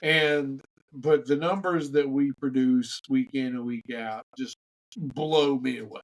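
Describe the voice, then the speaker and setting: A man co-hosts a podcast, bantering casually with his co-hosts and introducing a guest while frequently stumbling and repeating words. His mid-range voice keeps a fairly even intonation at a measured pace, and the recording is rough.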